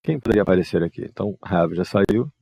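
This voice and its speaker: A man, teaching English grammar and patiently explaining exercises, reading the English examples slowly. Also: low-pitched, vocal fry, mellow, husky, dry recording. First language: Portuguese.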